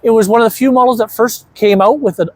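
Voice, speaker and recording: A man's voice: very high voice, fast talker. A man chatting casually as he explains old electric cars in an indoor museum, enthusiastic and rambling, with many restarts. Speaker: co-host explaining car exhibits. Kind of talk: casual chat touring a museum. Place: indoor car museum hall.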